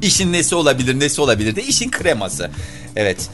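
A man's voice: medium pitch, sing-song, fast talker, fairly bright tone, soft background music. A man hosting a morning radio show, bantering playfully with a co-host and reciting mock-grandiose slogans in a theatrical manner.

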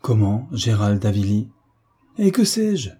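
A man with a husky voice voicing an anguished, proud young woman in an audiobook, speaking in a trembling, pleading way. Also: on the low side, sing-song, slow pace, mellow, heavily acted. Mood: bitter. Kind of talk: audiobook character reading.

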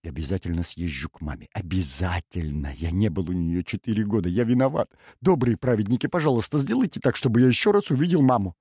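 A man's voice: fairly low pitch, measured pace, hardly any pauses, mellow, no echo, studio quality. A man voicing a terrified radio operator who pleads in a trembling, barely audible voice.

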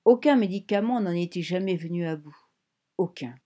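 A woman reading a novel aloud in measured, vivid scripted narration. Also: fairly low pitch, expressive, warm tone. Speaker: audiobook narrator.

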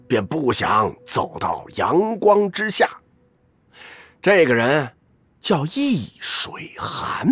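An actor playing a wry, middle-aged assassin uncle in an audio drama, talking like a storyteller with lots of interjections. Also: male voice, on the high side, full character voice. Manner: drawling, storyteller-like, peppered with interjections. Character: wry, theatrical older male assassin uncle, Su Zhe. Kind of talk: audio drama character acting.

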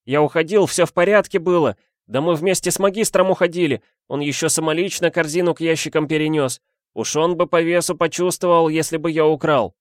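A man's voice: a little high, a little fast, no echo, clean studio sound, pitched above the performer's own voice, lightly acted. A man voicing a panicky young male fugitive who pleads and wails his innocence in a rush of words. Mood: frantic. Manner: frantic, wailing, words tumbling out.

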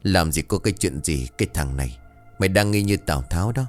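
A man voicing a gruff, secretive older village uncle who dodges questions in a hushed, low tone. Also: lively intonation, quick pace, soft background music. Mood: evasive.

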